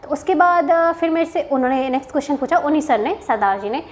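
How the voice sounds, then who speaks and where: Young woman from haryana, high voice, chatty storytelling vlog, mixes in english, frequent checking-in asides. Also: fast. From Haryana, India. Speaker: bank officer sharing interview experience. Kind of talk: casual storytelling to camera.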